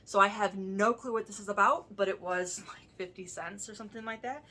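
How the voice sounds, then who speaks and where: Bright-voiced woman with a slushy lisp. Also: mid-range voice, fairly even intonation, brisk, slight background noise. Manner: chatty, thinks aloud. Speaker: book vlogger. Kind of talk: casual chat to viewers.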